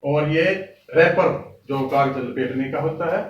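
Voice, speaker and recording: A man teaching English pronunciation in a lesson, with an Indian accent, slowly repeating each word several times. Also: a little high, lo-fi sound, slight background noise. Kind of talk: classroom lesson. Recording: echoey room, mic far off.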